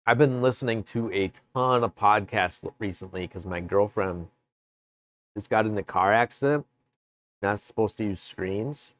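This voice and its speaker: A man streaming live from his woodworking shop, chatting casually with viewers in a relaxed, rambling way. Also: low-pitched, dry recording. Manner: relaxed, rambling, chats with viewers between tasks. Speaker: woodworking livestreamer. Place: home workshop.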